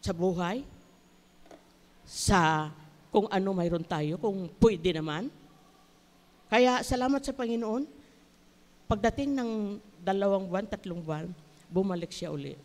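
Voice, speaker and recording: A woman from the Philippines giving a sermon with a personal testimony, telling her story earnestly and rising to emphatic high bursts. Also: a little slow, long pauses, a little mellow. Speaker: church speaker. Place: church hall. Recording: church sanctuary with long reverb.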